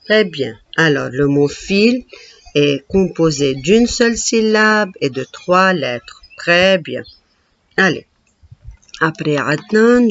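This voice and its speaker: Very slow patient teacher woman. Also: on the low side, no echo, dull audio. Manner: slow, patient, syllable-by-syllable counting. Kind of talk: classroom reading lesson.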